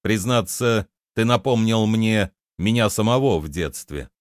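A man's voice: on the low side, lively intonation, measured pace, no echo, studio quality. A man voicing a proud adult prince who speaks in a lofty, raised voice, as in an audiobook reading.

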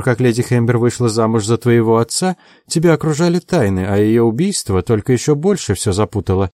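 A male audiobook reader voicing a composed, motherly older woman who speaks in a firm, measured and evasive way. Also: mid-range voice, warm tone, dry recording, clean studio sound, lightly acted. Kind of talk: audiobook character voice.

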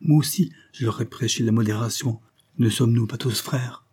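A man's voice: medium pitch, normal speed, darkish tone, breathy edge, natural voice. A man reading the part of a frightened, wounded republican stranger who speaks in a theatrical, effusive way. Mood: anxious.

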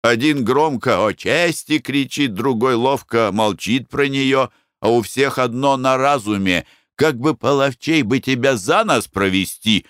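A man's voice: mid-range voice, measured pace, few pauses, fairly bright tone, clean tone, no echo, studio quality, voice pushed up, lightly acted. A man voicing a well-traveled merchant who talks in a wry, moralizing way in an audiobook.

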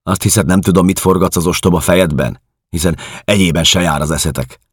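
A man's voice: sits low, fairly even intonation, breathy edge, dry recording, clean studio sound, pitched above the performer's own voice. A male audiobook reader voicing a bitter, furious interned woman who hurls scornful curses. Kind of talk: audiobook character reading.

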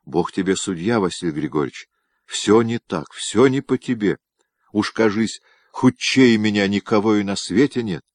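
Heard through a dry, close recording, this is a man putting on a wronged noblewoman in a storybook reading. Her voice sits far higher than the narrator's own low register, pleading at first and rising to piercing, defiant shrieks. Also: moderate pace, dry recording, natural voice. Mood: plaintive. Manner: pleading and shrill. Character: aggrieved noblewoman, wife, tearful then defiant.

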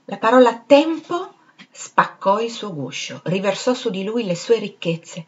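A woman narrates a literary novel in a measured, expressive voice. Her pitch sits in a middle range. The recording is slightly dull and lo-fi. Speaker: reader.

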